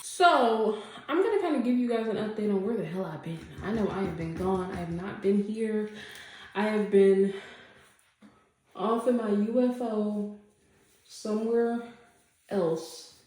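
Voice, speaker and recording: A woman's voice: mid-range voice, measured pace, long pauses, a little mellow. A woman vlogger with a congested, stuffy nose, chatting casually to camera at home in a rambling way with lots of fillers. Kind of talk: casual update chat. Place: home room. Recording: very echoey room.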